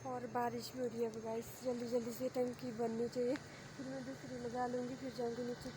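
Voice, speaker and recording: Soft-spoken Himachali woman vlogging. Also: a little high, level tone, brisk. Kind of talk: casual vlog chat. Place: outdoors at home, village. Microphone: phone camera, no mic. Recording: noisy outdoor phone recording.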